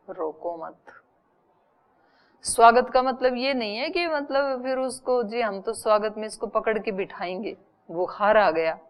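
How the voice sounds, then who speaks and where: A woman spiritual teacher giving a discourse, explaining slowly with everyday examples and rhetorical questions. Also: medium pitch. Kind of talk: Upanishad discourse.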